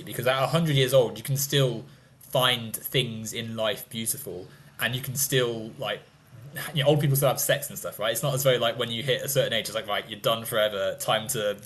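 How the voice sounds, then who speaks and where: A man's voice: mid-range voice, moderate pace, fairly bright tone. A man in his twenties in a casual debate, talking in a rambling, hedging way with frequent laughs. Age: 20s. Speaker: guest.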